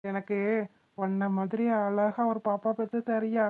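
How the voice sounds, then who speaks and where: A woman's voice: medium pitch, flat delivery, measured pace, over loud music, lightly acted. A woman voicing a doting, playful young husband in a cartoon who coaxes his wife affectionately. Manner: affectionate, coaxing. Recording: tinny phone-like sound.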